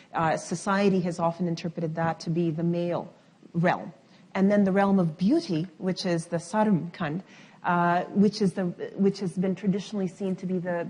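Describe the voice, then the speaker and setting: A woman panelist answering at a conference, measured and firm, with clear emphasis. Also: fairly low pitch, a little mellow. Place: university conference room.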